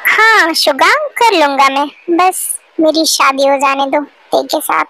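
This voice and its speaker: A woman's voice: sits high, measured pace, sharp tone, full character voice, rough recording. Obsessive young CEO, voiced by a woman. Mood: calm. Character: possessive young male CEO and professor. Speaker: fan dubber. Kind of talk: amateur Hindi fan dub.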